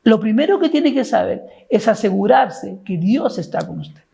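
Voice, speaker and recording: A woman's voice: mid-range voice, sing-song, moderate pace, creaky, mellow, husky. A woman leading a church group online, exhorting viewers and asking them pointed questions. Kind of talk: preaching to an online audience.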